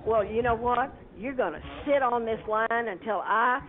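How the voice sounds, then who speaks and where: A woman's voice: fairly high pitch, moderate pace, a little hiss or hum. An angry woman in her eighties scolding a prank caller over the phone from her home, indignant and agitated. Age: 80s. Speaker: prank call target. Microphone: telephone. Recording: tinny phone line.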